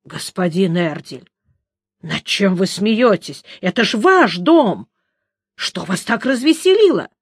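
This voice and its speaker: A woman's voice: medium pitch, very animated, slow, slightly rough, no echo, studio quality, heavily acted. A woman voicing an agitated middle-aged man barking orders at a crowd. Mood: puzzled. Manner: shouting, agitated commands.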